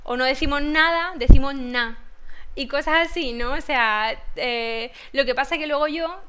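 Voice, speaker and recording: A Spanish teacher from Granada with an Andalusian accent, talking casually in a video-call interview, thoughtful and full of restarts. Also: female voice, high voice, moderate pace, a bit bright. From Granada, southern Spain. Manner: thoughtful, many restarts and fillers.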